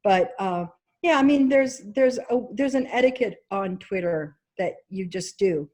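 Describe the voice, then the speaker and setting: A woman's voice: mid-range voice, animated, a little slow, darkish tone. A woman casting director with a New York accent, originally from Egypt, chatting animatedly in an interview and often quoting herself. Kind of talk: casual interview chat.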